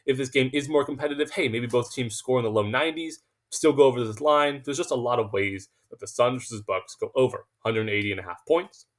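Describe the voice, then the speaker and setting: A man's voice: medium pitch, brisk, few pauses. A man hosting a sports betting picks video, talking emphatically and confidently, sometimes tripping over his words. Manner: emphatic, confident, self-assured; stumbles and restarts when excited. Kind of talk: casual betting picks monologue.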